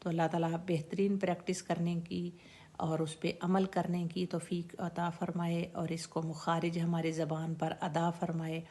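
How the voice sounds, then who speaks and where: A woman teaching Quran recitation rules, patiently repeating words and sounds slowly for her students to practise. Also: fairly low pitch, level tone, mellow. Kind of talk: slow instructional lesson with recited examples.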